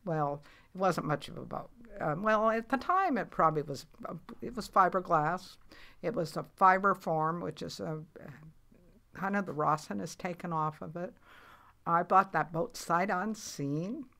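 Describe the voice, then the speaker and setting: Unhurried and creaky, her low voice sounds pushed and bright. The woman, an eighty-something longtime commercial fisher, recounts her life casually for an interviewer, rambling plainly and restarting many times.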